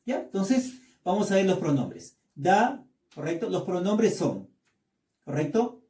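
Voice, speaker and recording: A man teaching a classroom lesson, speaking slowly, repeating words and checking often that the class follows. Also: high-pitched, very animated, warm tone, echoey room, recorded from a distance. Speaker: English teacher.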